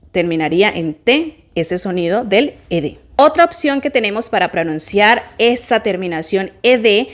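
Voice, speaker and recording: A young adult woman, teaching English grammar and pronunciation in a lively, explanatory way, answering her own questions. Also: a little high. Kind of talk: Spanish-language English lesson.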